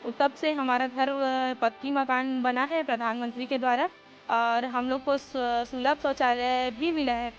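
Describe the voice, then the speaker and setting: A woman's voice: high voice, flat delivery, measured pace, highs cut off. A woman from a district in central India, speaking hesitantly with fillers as a resident in a vox-pop testimonial. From Durg district, Chhattisgarh, India. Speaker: resident interviewee. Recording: music bed under the voice.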